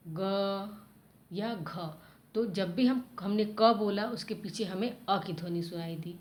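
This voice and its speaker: A woman's voice: mid-range voice, normal speed, a little mellow. A woman teacher giving a grammar lesson to children, spelling out letter sounds one at a time in a patient, explanatory way. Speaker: school teacher.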